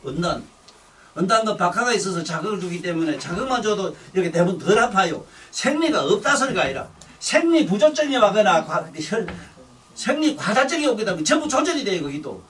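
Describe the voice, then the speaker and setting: An older man with a thick Busan accent delivers a rambling sermon, blunt and scolding, with coarse language. His voice sits high and leaps around with lively swings in pitch. He is recorded from some distance from the mic. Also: brisk, a little hiss or hum. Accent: Gyeongsang (Busan). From Busan, South Korea. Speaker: Buddhist dharma teacher.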